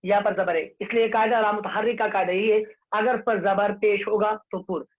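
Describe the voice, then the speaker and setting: Male recitation teacher, high voice, tinny online-class sound, drills rules over and over. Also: steady tone. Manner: slow, repetitive, drills rules and has students repeat. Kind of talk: online lesson with recited examples.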